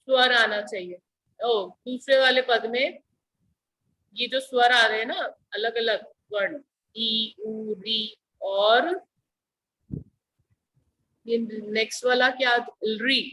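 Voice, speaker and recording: A woman teacher explaining a grammar lesson slowly and patiently, often asking her students questions. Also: a little high, sharp tone, slight background noise, rough recording.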